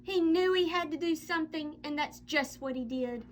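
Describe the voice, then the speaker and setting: A high-sitting female voice tells the story of a children's picture book aloud, dramatic and expressive, stretching out words for emphasis.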